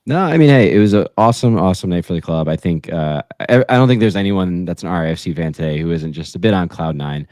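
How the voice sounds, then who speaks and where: Man, low voice, quick pace, upbeat chatty podcast co-host. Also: animated, a little mellow, dry recording, studio quality. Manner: upbeat and chatty, laughing often. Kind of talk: casual fan podcast chat.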